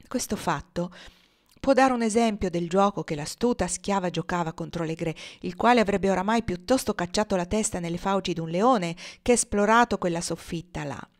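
Woman reading an old novel out loud, steady and measured. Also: mid-range voice. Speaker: reader of a novel.

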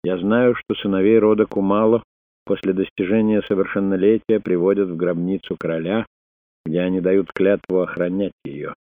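A man voicing a solemn, guarded old male sorcerer in an audiobook, speaking in a grave, measured way. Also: low voice, level tone, no room sound, natural voice. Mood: probing. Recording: dry, phone-like narrow sound.

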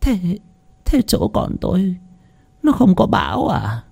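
A man voicing a frail, half-deaf old grandmother who speaks slowly, softly and in confusion. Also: high-pitched, wildly swooping pitch, vocal fry, husky, voice pushed up, exaggerated voice. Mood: bewildered. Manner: slow, soft, bewildered and quavering.

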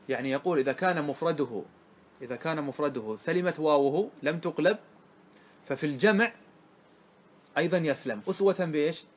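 A man teaching a classroom grammar lesson, often asking his students questions to check they follow, and drawing out words slowly to spell out their forms. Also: a little high. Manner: checks understanding with frequent questions.

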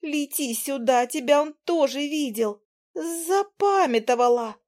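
A fussy, nosy little fly girl from a storybook, pitched high above the reader's own voice and stretching her words out slowly and dramatically, as a woman narrator puts her on. She is chatty, gossipy and easily flustered. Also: a little mellow.

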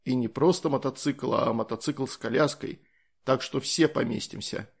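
A man voicing a calm, easygoing soldier in an audiobook, explaining things in a matter-of-fact way. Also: mid-range voice, moderate pace, vocal fry, slightly rough.

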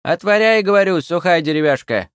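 Man doing a grumpy old forest witch, shrill and loud, scolding, audiobook reading, dry close sound. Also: sing-song, normal speed, no echo.

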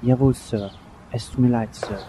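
An actor playing a superstitious male butler in a radio play, speaking slowly and ominously. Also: medium pitch, steady tone, mellow, slight background noise, natural voice, low-quality recording. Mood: fearful. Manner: slow, ominous.

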